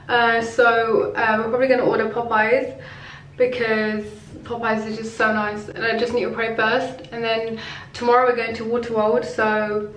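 A woman's voice: fairly high pitch, slight background noise, poor audio. A woman casually vlogging a trip, chatty and rambling with lots of fillers. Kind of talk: casual vlog chat.

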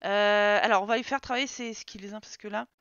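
A woman's voice: mid-range voice, fairly even intonation, brisk, a bit bright, clear, resonant tone, no echo. A woman streamer giving casual live commentary on a life-simulation game, chatting to her characters and her viewers and getting exasperated with them. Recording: slightly dull stream audio with game music.

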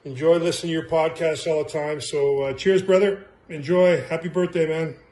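A man's voice: fairly high pitch, fairly even intonation, moderate pace, warm tone, a little hiss or hum. A man recording a casual, chatty birthday greeting. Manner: easygoing, chatty.

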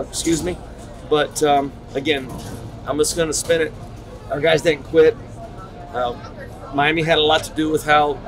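A middle-aged man, a head football coach at a postgame press conference, talking in halting, restarting sentences with many repeats. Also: on the high side, low-quality recording. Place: concrete-walled stadium corridor. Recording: crowd chatter behind. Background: crowd noise.

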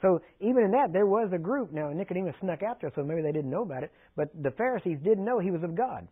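Preacher on a tinny line. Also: male voice, sits high, animated, fast, slightly rough. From Texas. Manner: conversational, asks the audience frequent check-in questions. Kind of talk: sermon teaching. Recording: tinny phone-like archive recording.

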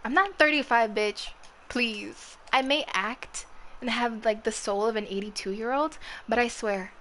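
Woman, 20s, live streamer: kid-like higher voice, unhurried, profane casual chat with chat. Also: fairly bright tone, slight background noise. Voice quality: youthful, girlish-sounding voice. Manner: swears freely and chats with viewers. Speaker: livestreamer.

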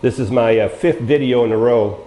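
An older mobility dealer's product demonstration of a power wheelchair takes place in a large, bare indoor showroom studio with echoey sound. Folksy and methodical, he addresses viewers as folks, speaking at normal speed in a dark-toned, mid-range voice that's going hoarse with coughs.

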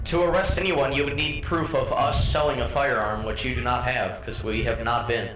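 A man's voice: mid-range voice, fairly even intonation, normal speed, over music. A man in casual game role-play chat, questioning and arguing his case. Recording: roomy, distant game voice chat.

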